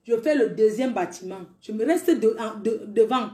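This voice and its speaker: A woman casually telling a personal story, animated and speaking directly to her listeners. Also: a little high, normal speed. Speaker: storyteller vlogger. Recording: echoey room.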